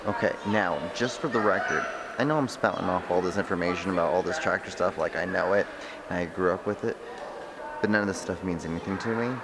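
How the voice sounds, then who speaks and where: A young man vlogging quietly to a handheld camera inside a large museum hall, half-whispering with wry remarks. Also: low-pitched, a little fast, a loud crowd. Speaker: travel vlogger. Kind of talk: hushed vlog narration in a museum. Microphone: handheld camera at arm's length.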